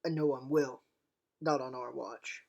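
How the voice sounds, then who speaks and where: A woman's voice: very deep voice, fairly even intonation, a little slow, creaky, highs cut off, full character voice. Woman acting a theatrical, impassioned war-weary veteran. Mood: quiet, sorrowful. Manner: theatrical, swinging from hushed to shouted. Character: impassioned, unforgiving-yet-forgiving time-traveller war veteran pleading for peace. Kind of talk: dramatic monologue performance.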